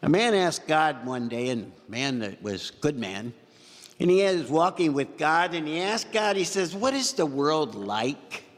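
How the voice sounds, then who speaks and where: A man's voice: on the high side, animated, unhurried. A man preaching a homily as pastor, telling a story and repeating phrases for emphasis. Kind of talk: sermon. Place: church. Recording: long church reverb.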